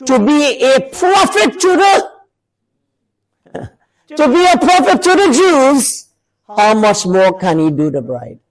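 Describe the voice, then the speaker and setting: A man preaching a sermon, putting questions to his congregation and swelling to shouts on key points. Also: very high voice, very animated, slow, long pauses, low-quality recording.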